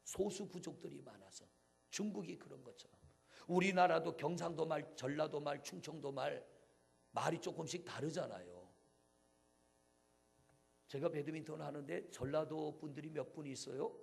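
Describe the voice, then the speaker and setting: Man, pastor, church sermon, gravelly fry, husky tone, shifts from near-whispers to loud emphatic lines. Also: a little high, normal speed. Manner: swings between hushed near-whispers and loud, emphatic exclamations.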